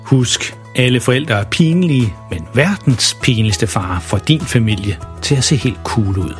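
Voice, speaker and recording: A man narrating a funny children's story in a playful, lively way. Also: medium pitch, soft background music.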